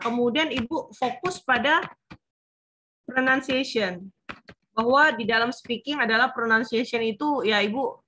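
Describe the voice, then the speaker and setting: Woman, high voice, bright tone, patient thesis advisor, fillers. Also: a little hiss or hum. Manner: explaining patiently, many fillers. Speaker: thesis supervisor. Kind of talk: online thesis consultation.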